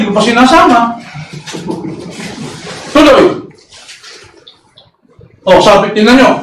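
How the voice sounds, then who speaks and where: High-voiced man arguing in an echoey room. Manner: loud, sometimes shouting, with rhetorical questions. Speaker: debater. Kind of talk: heated debate argument. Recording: echoey room, voice far from mic, faint noise.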